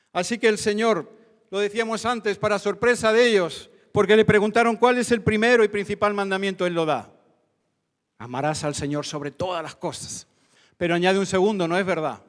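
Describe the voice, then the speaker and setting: A man from Spain preaching a sermon as pastor, fervent, with rising emphatic lists. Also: high voice. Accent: Spain Spanish. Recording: church hall reverb.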